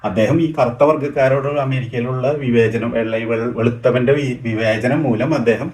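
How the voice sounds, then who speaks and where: A man talks at a fast clip and mocks the claims he takes apart, his tone sarcastic throughout. His voice sits in the middle range. The recording carries a noticeable room echo. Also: mid-range voice, fairly even intonation, a little mellow. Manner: sarcastic, mocking. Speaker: rationalist commentator. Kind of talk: critical commentary.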